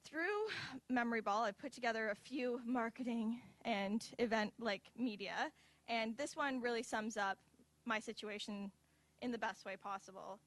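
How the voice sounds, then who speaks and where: A woman's voice: on the high side, normal speed, dry recording. Woman, 20s. Earnest personal speech with light humor, dry close-miked sound. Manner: earnest, heartfelt, with light asides. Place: university event hall.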